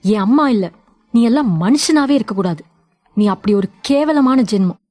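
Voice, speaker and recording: A woman voicing a defiant young daughter in a story, with a sharp, scolding way of talking. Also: on the high side, animated, moderate pace, dry recording, soft background music. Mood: furious. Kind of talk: audio drama reading.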